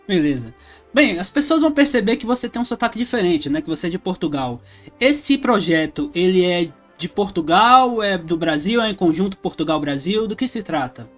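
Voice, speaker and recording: A man hosting an interview and asking casual, relaxed questions. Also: high voice, normal speed, soft background music. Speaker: host.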